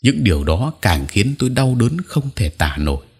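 A man narrating a sad audio story in a slow, sorrowful reading style. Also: fairly low pitch, sing-song, gravelly, breathy edge.

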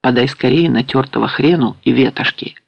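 A male reader voicing an old village grandfather who speaks in hushed, commanding tones. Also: medium pitch, a little fast, vocal fry, dry recording, lo-fi sound. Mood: grave, firm. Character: old village grandfather, calm healer, firm.

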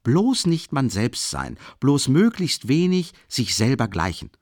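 A man reading an audiobook voices a drunk, rapturous young man who babbles in an excitable, gushing rush. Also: medium pitch, unhurried, no room sound, studio quality, pitched above the performer's own voice. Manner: excitable, gushing, tumbling speech. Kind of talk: audiobook character voice.

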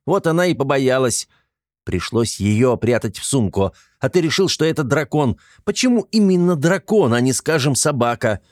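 A man voicing a young male hero who gives brisk, bossy orders. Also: medium pitch, expressive, no echo, studio quality, voice pushed up, close to an everyday voice. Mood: wry. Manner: brisk, bossy, a little mocking. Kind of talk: audiobook character voice.

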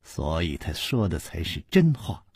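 A sweet-talking young woman, put on by a male storyteller coaxes in an amused, easy tone. The voice stays husky and dry, close to the mic. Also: deep voice, big pitch swings, unhurried, darkish tone, dry recording, voice pushed down, full character voice. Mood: coaxing.

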